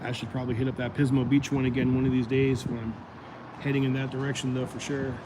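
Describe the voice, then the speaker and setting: A man chats loosely to his livestream viewers, rambling from one thought to the next. His voice sits at an ordinary middle pitch and is starting to go out. Steady traffic and street noise come through clearly behind him. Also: fast talker. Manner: rambling, chatty, addresses viewers directly. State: voice going out. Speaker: livestream host. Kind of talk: casual livestream chat.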